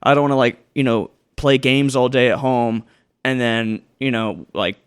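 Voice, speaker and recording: A man's voice: medium pitch, steady tone, moderate pace, clean tone. A young man in casual chat, his voice sitting in an ordinary middle register. He rambles, restarts sentences and strings thoughts together loosely as a podcast co-host. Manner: rambling, many restarts and fillers.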